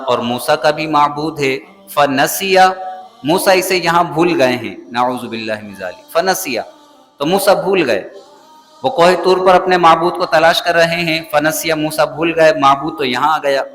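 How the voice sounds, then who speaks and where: A man's voice: fairly high pitch, a bit bright. A man from Pakistan teaching a Quran lesson in a mosque. He chants verses melodically, then translates and explains them plainly. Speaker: Islamic scholar teaching the Quran. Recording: long hall reverb, faint music behind.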